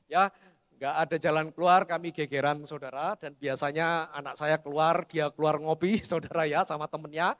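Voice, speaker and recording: A man's voice: a little high, fairly even intonation, moderate pace, a bit bright. A middle-aged man, preaching a sermon to his congregation and telling family stories with humor. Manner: addresses the congregation as "saudara", storytelling with humor. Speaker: pastor. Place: large church hall. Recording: long church hall reverb.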